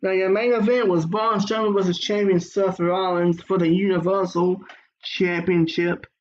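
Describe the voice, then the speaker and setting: A man's voice: high voice, little pitch movement, normal speed, dull audio, slight background noise. A man giving a casual, rambling review of a wrestling show, full of fillers and restarts.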